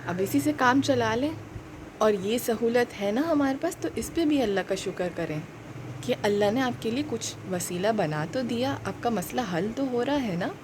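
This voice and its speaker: A woman voicing a calm, kind mother who gently advises a child in a puppet show. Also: fairly high pitch, normal speed, background noise, close to an everyday voice. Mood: advising. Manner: soft, soothing, gently advising.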